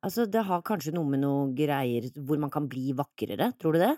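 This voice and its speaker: Giggly middle-aged woman, very animated. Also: low-pitched, no room sound, clean studio sound. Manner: giggly, chatty, self-mocking. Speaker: podcast co-host. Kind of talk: casual chat.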